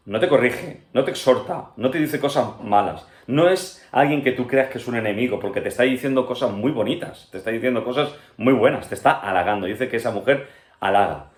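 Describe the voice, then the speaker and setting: A pastor from Spain with a Spanish accent, teaching an earnest Bible-study sermon that speaks straight to the listener and keeps checking in with him. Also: male voice, medium pitch, echoey room. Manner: earnest, addresses listener directly with frequent "¿vale?" and "¿verdad?".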